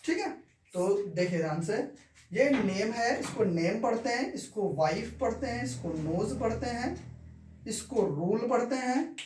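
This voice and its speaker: A man's voice: very high-pitched, lively intonation, measured pace, a little mellow, slight background noise. A man teaching English pronunciation, repeating each word and asking questions. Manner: repeats words and asks the class questions. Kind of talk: classroom lesson. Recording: echoey room, far from mic.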